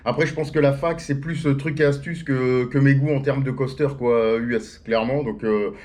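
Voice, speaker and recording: A man's voice: mid-range voice, steady tone, moderate pace, a little mellow. A young man chatting casually outdoors as a vlogger answering viewer questions, slangy and full of fillers and restarts. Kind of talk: casual chat. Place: sitting outdoors on a chair.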